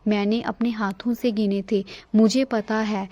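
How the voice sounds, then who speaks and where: A woman's voice: medium pitch, flat delivery, measured pace, warm tone, no room sound, close to an everyday voice. A woman voicing a sly young daughter-in-law who defends herself and then pleads, in a storybook tale. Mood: pleading.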